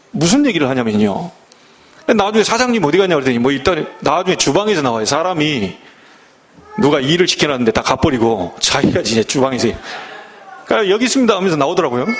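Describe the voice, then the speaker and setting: A middle-aged male pastor with a Jeolla Korean accent preaches with great energy, his pitch swinging widely between high and low. He acts out other people's voices and mock curses along the way, and his voice sits on the higher side for a man. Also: a little hiss or hum. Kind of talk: sermon.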